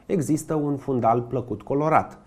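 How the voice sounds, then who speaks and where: A man giving scripted documentary narration with a measured, even delivery. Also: mid-range voice, slightly rough.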